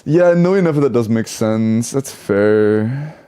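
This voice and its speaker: A man's voice: mid-range voice, lively intonation, a little slow, warm tone, clean tone, dry recording. A man streaming a game, talking casually to his chat over a headset mic, stumbling and repeating words as he reacts. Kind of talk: casual livestream commentary while playing. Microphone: headset mic on a livestream.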